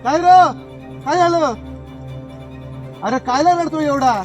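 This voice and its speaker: A man playing a gentle farmer father. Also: very high-pitched, expressive, measured pace, highs cut off. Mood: soothing. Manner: soothing, repeats himself. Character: gentle farmer father comforting his weeping son. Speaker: actor. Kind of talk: short film acting. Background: film music.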